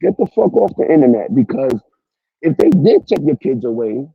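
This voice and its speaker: A man's voice: medium pitch, huge pitch swings, normal speed, creaky, slightly rough, no room sound, dull audio. A man hosting a livestream, ranting at people in a profane, confrontational, repetitive way. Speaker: live stream host. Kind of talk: heated livestream rant. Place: at work.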